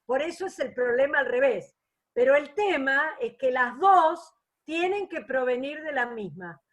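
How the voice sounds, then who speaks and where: A woman's voice: high voice, lively intonation, a little slow. A woman teaching a math class online, patient and explanatory, often checking that students follow.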